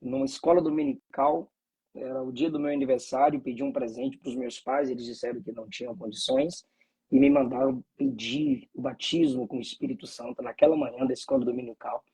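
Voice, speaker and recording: A man's voice: medium pitch, lively intonation, fairly quick, vocal fry, mellow, husky, rough recording. A man from Bahia, a pastor, speaking with fervent preacherly cadence and frequent hallelujahs. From Bahia, Brazil. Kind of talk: conversation and preaching reflection.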